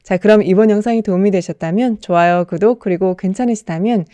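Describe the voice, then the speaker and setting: A woman's voice: mid-range voice, fast, warm tone, no room sound. A young adult woman giving a scripted pronunciation lesson, carefully repeating model words and explaining between them. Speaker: English pronunciation teacher.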